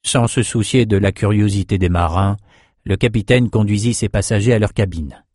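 A man narrating a fantasy novel as an audiobook in a steady, even storytelling manner. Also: on the low side, normal speed, no room sound, clean studio sound. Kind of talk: scripted narration.

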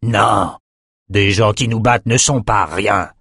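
A man's voice: lowish voice, slow, a bit bright, slightly rough, dry recording, clean studio sound, exaggerated voice. A man reading an audiobook, voicing a furious raider king who roars threats at his captains. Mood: wrathful. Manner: roaring, menacing. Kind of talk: audiobook character voice.

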